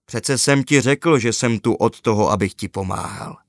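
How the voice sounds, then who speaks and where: A man doing a slow, gentle plush teddy bear. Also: medium pitch, no room sound, clean studio sound, lightly acted.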